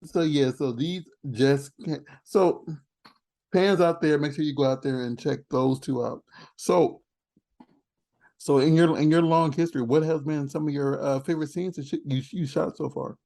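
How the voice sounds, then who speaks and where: A man hosting a casual interview, talking excitedly with frequent restarts and laughter. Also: fairly high pitch, moderate pace, vocal fry. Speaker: podcast host.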